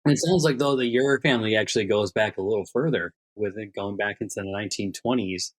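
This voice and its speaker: This host's voice sits on the low side, and he talks fast. He reads a scripted introduction for his guest before shifting into a relaxed, conversational interview.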